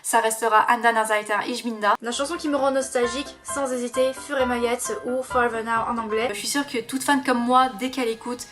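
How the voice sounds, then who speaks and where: A woman's voice: a little high, steady tone, fairly quick, hardly any pauses, over music. A young woman talking casually to camera about her favorite songs, chatty and giggly, with lots of fillers and restarts. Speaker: YouTuber doing a music tag. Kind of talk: casual vlog chat.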